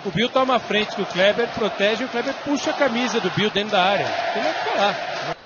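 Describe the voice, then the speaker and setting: Man, Brazilian accent, live match analysis, emphatic, muffled broadcast audio, clear stadium noise. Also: high voice, a little fast, over a noisy crowd. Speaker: football co-commentator, analyst.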